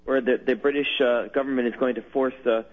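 A man calling in to a radio talk show, his voice coming through a thin, tinny phone line that strips away the low end. His pitch sits in an ordinary middle range. He talks in a halting, hesitant way, stopping and restarting his sentences. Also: steady tone. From California. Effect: heard over a phone line. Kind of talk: call-in chat with a host.

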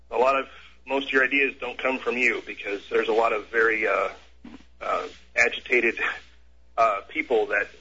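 A man's voice: on the low side, sharp tone, slight background noise. A man from Washington State calling in to a radio show over the phone, hesitant and full of ums. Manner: hesitant, lots of ums and uhs. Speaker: caller. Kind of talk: call-in radio chat. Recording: muffled phone line.

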